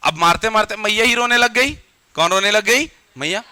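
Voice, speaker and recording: A man's voice: high-pitched, moderate pace, sharp tone, clear, resonant tone, no echo. A man teaching a classroom grammar lecture who keeps asking the students questions and repeating the answers back.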